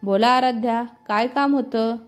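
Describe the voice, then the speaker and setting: A woman voicing a calm, soft-spoken young man who is a bank officer and quietly in love. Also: on the high side, moderate pace, faint music behind, close to an everyday voice.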